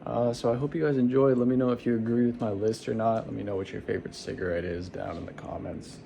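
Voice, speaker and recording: A man's voice: mid-range voice, fairly even intonation, fast talker, vocal fry. A man talking casually to viewers in a rambling, laid-back, informal vlog style. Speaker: vlogger. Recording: some background noise.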